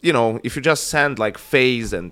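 A man's voice: medium pitch, a little fast, pushed and bright, smooth. A man co-hosting a podcast, talking casually in long rambling runs that repeat words. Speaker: podcast co-host. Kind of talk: casual chat.

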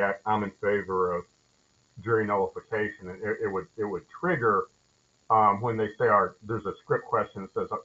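Male judge, lower voice, measured and halting delivery, muffled call audio. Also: a bit bright, husky. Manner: halting, thoughtful, many fillers and restarts. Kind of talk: explaining during a training call.

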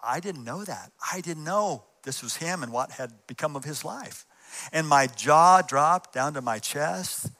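A man preaching a sermon in a church, telling a missions story in an earnest way and softening into a hushed voice for prayer. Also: a little high, animated, measured pace. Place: church sanctuary.

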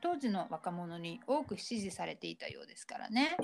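A woman's voice: lowish voice, big pitch swings, moderate pace, gravelly, soft background music. A woman co-hosting a casual chat, describing TV scenes with small laughs. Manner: chatty, with frequent small laughs. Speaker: podcast co-host. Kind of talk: casual chat recapping a TV episode.

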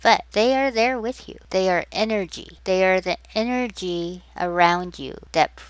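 A woman's voice: mid-range voice, moderate pace, dry recording, poor audio. A woman hosting a solo podcast, talking upbeat and chatty straight to the listener. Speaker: podcast host. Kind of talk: solo podcast talk on positivity.

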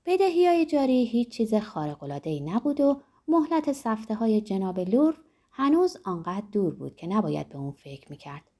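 A woman reading a classic novel aloud in measured, expressive narration. Her voice is husky and mellow. Her pitch moves in lively rises and falls. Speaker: audiobook narrator. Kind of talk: scripted literary narration.

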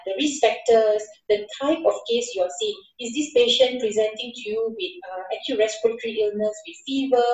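Distant roomy woman doctor explaining firmly. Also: a little high. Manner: explanatory, firm, lively emphasis. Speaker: hospital doctor, panelist. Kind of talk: webinar panel answer. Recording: roomy, distant video call mic.

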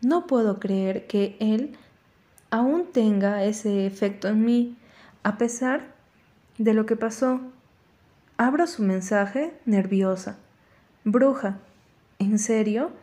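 Mellow-voiced woman narrating an audiobook. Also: mid-range voice, slow pace, pauses often. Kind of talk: first-person audiobook narration.

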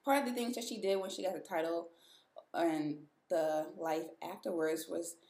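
A woman's voice: fairly low pitch, normal speed, creaky, darkish tone. A woman hosting a podcast, chatty and emphatic, speaking casually and directly to her listeners in an echoing room. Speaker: podcast host. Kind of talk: casual podcast episode introduction. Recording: echoey, reverberant room.

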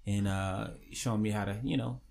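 A man's voice: lowish voice, fairly even intonation, moderate pace, creaky, a little mellow. A man from Savannah, Georgia, a singer-songwriter and podcast guest, telling his story in a laid-back, candid way with frequent "you know". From Savannah, Georgia, USA. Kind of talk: casual podcast interview.

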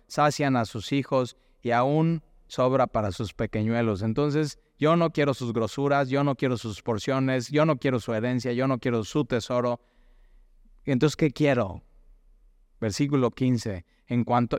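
A man's voice: mid-range voice, clear, resonant tone, no room sound, studio quality. A man, preaching a sermon as a pastor in a conversational way, asking his listeners questions.

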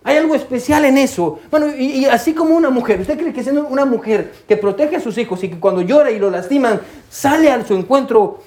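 A man preaching a sermon as pastor, swinging between loud highs and hushed lows and often calling out "hermano" and "amén". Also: fairly quick, hardly any pauses. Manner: peppers speech with "hermano" and "amén".

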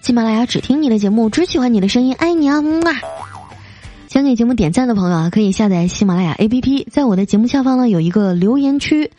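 Woman host, casual and teasing, mellow tone over faint music. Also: a little high, expressive, very fast, hardly any pauses. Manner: playful, teasing, reads jokes with light voiced quotes. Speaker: podcast host reading listener comments. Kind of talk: casual chat. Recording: soft music behind.

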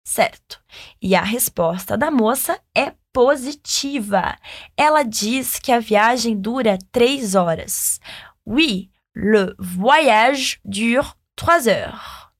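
A woman's voice: a little high, lively intonation, very slow, dry recording, clean studio sound. A woman teaching French, patiently modeling phrases for listeners to repeat. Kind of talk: language lesson with repeat-after-me drills.

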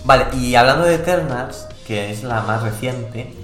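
A man's voice: medium pitch, moderate pace, soft background music. Rambling man with a Spanish accent, echoey room. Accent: Spain Spanish. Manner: exclamatory, rambling, often restarts his phrases. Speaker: podcast co-host. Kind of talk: casual chat.

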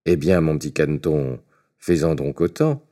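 A man reading aloud, voicing a gruff, scornful giant in a storybook tale. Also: very deep voice, moderate pace, warm tone.

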